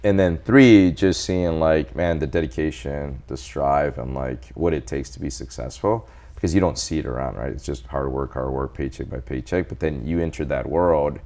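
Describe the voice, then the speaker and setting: A Salvadoran doctor in his forties tells his life story as a guest in a casual interview. His voice is very deep and his pace moderate, and he's animated, quoting people as he goes.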